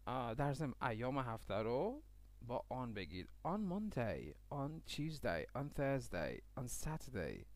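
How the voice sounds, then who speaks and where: A man teaching a language lesson who reads word lists, saying each English word slowly and deliberately, then giving its meaning and quick explanations. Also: fairly high pitch, no echo.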